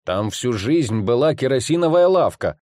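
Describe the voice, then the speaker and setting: A man's voice: lowish voice, wildly swooping pitch, measured pace, a little mellow, dry recording, clean studio sound. A man doing a suspicious, grilling father. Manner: suspicious, interrogating questions. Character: distrustful, restless father questioning his son.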